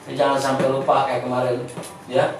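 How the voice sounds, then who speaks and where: A man's voice: medium pitch, monotone, music in the background. Sundanese-accented man teaching in echoey room. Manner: repeats words, halting, chatty. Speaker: informal English teacher. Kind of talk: casual classroom teaching. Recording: echoey room, distant mic, faint noise.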